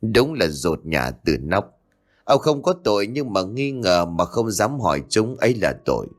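A man voicing an old male village shaman who scolds harshly and mocks. His voice is low and swings widely in pitch. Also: sing-song, measured pace. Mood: contemptuous. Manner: harsh, scolding, laughs mockingly.

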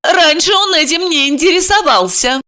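A woman's voice: extremely high pitch, expressive, moderate pace, bright, forceful tone, voice pushed up, heavily acted. A woman reading an audiobook and voicing a stormy, jealous young woman who mocks and interrogates her friend. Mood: mocking. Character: fiery, jealous young woman, sharp-tongued.

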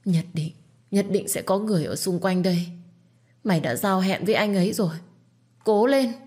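A woman's voice: lowish voice, moderate pace, mellow, breathy edge. A woman voicing a young woman who pleads through tears over someone she loves. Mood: determined. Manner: pleading, tearful. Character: young woman, frantic and devoted.

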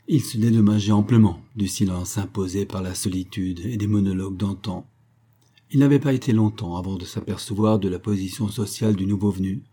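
A man narrating a classic novel as an audiobook in a measured, even storytelling delivery. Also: lowish voice, breathy edge.

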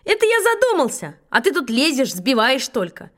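A woman voicing a cheeky young schoolboy who bluffs loudly and declaims in a drawn-out sing-song. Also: high-pitched, huge pitch swings, heavily acted.

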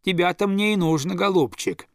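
A man voicing a stern middle-aged father who scolds loudly and repeats himself, in a dry, close recording. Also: sits high, moderate pace, no room sound, pitched above the performer's own voice. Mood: scolding.

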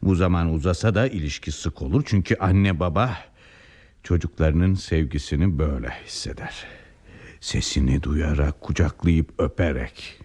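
An actor playing a stern, reproachful elderly father in old radio theatre style, lecturing with deliberate emphasis. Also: very deep voice, darkish tone, husky, heavily acted.

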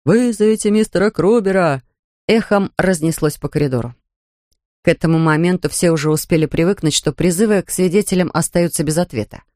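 A storyteller reading a children's book aloud at a medium pitch, steady and clear. The voice is recorded close and dry, with no room sound. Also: a little fast, dry recording. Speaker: audiobook narrator. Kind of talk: scripted storybook narration.

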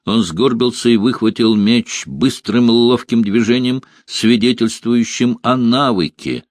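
A man reading an audiobook aloud in a measured, even narration. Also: medium pitch, dry recording, studio quality. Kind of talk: scripted narration.

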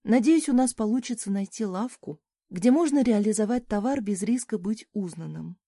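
Woman narrator, first-person audiobook, expressive, mellow tone, dry close sound. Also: medium pitch, moderate pace, husky, no room sound. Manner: lively, expressive reading.

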